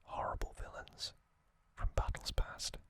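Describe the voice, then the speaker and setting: A man whispers softly and breathily in a deliberate ASMR narration, speaking in short phrases separated by pauses. He hosts an ASMR channel and shares trivia and reads aloud.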